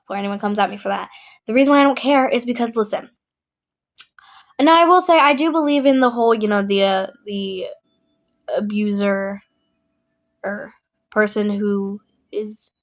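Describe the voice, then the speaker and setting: A woman's voice: medium pitch, moderate pace, long pauses. A young adult woman vlogging in a casual, rambling chat, blunt and emphatic, often repeating herself.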